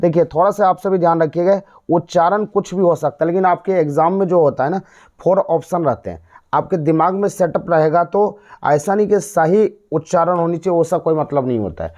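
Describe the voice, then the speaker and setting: Speaking fairly quickly in a slightly high, somewhat mellow voice, a man from India with a Bihari Hindi accent teaches exam mnemonics for general knowledge. He repeats and quizzes in a drilling call-and-response style, and the recording is dull and lo-fi.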